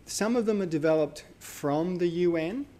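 A man's voice: high voice, moderate pace, mellow. A man giving a live university lecture, talking casually with fillers and self-corrections. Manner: conversational, thinks aloud with fillers and self-corrections.

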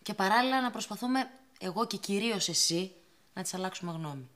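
An actress playing a calm woman who talks a man through a plan about his divorce. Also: mid-range voice, natural voice. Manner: calm, persuasive. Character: calm scheming woman advising a friend. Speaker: actor in a TV comedy series. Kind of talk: sitcom acting.

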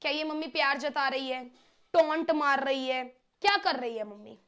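A young woman with a high voice gives a casual online class. She talks in a chatty, coaxing way and keeps asking her students whether they follow. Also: moderate pace, fairly bright tone. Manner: chatty, coaxing, mixes Hindi with English. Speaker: teacher.

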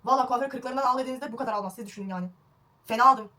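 A young woman vlogs a home haircut indoors, filming on her phone and chatting away while poking fun at herself. Her voice sits on the high side and comes out rapid-fire, bright and forceful.

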